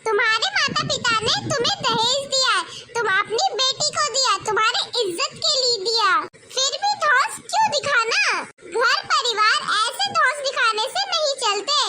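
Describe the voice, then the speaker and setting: A woman's voice: very high voice, animated, moderate pace. A woman voicing a boastful, scolding older mother-in-law in a cartoon, talking in a taunting, lecturing way. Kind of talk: cartoon voice acting. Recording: loud background noise.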